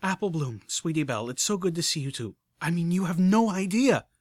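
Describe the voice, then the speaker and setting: A man's voice: a little high, animated, fast talker, no echo, studio quality, natural voice. A man voicing an older mare pony leader who is frustrated and fiery, talking in an emphatic, exasperated way. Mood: relieved. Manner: exasperated, emphatic, swearing when angry.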